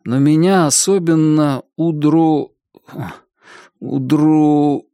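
A man voicing a cheerful young male student who reads aloud slowly and stumbles over words. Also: fairly high pitch, steady tone, dark tone, clean tone, no room sound, studio quality, voice pushed up. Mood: halting reading. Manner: slow stumbling reading aloud.

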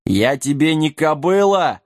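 A man's voice: on the high side, big pitch swings, measured pace, dry recording, studio quality, pitched above the performer's own voice. A man voicing a proud, easily offended talking horse who roars his lines, in a storybook reading. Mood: offended, bossy. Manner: roaring, offended.

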